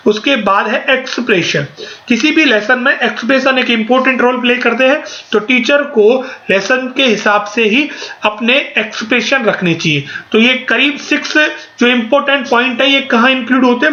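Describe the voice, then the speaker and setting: A man's voice: very high-pitched, pushed and bright. A man teaching an exam-prep lesson, explaining point by point and answering his own rhetorical questions. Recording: dull, echoey room.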